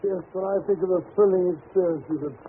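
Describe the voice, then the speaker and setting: An actor playing a loyal, earnest older English gentleman doctor in an old-time radio drama, genial and a little hesitant and bumbling. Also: high voice, fairly even intonation, brisk. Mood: fond, reminiscing. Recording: muffled, noisy vintage radio recording.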